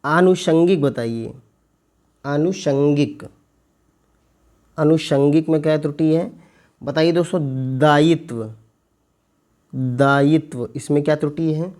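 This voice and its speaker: A male teacher working through an exam paper, repeating words slowly to spell them out and asking his viewers questions. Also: a little high, a little mellow. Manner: slow, stretched repetition of words to spell them out; addresses viewers as friends, asks them questions. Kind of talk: exam paper walkthrough lesson.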